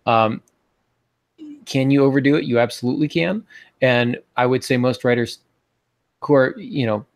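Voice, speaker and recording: On a video call through an earbud headset, a podcast host, an American man in his forties, talks casually and instructively from his small home office. His mid-range voice has vocal fry and fairly even intonation at normal speed.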